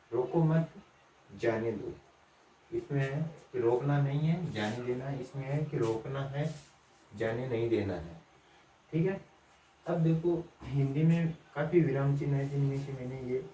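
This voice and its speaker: A man teaching an online grammar lesson, explaining slowly and repeating points with questions for the students. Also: mid-range voice, dark tone, slight background noise. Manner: slow, repetitive explaining with quiz-like questions to students. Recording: echoey room from a distance.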